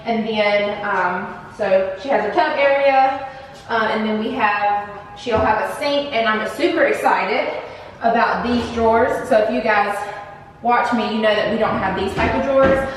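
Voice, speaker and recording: A woman's voice: on the high side, unhurried, recorded from a distance, slight background noise. A woman hosting a casual tour of an empty apartment, chatty and upbeat with many fillers, her voice echoing around the bare rooms. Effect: big hall echo of an empty room. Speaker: vlog host. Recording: echoey empty room, voice from off-mic.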